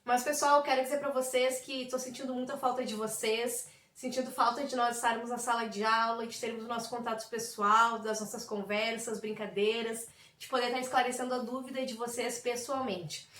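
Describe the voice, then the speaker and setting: High-voiced Brazilian woman teaching English. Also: flat delivery, a bit bright, reverberant. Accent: Brazilian Portuguese. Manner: explains slowly, mixing English words into Portuguese. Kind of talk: remote classroom lesson.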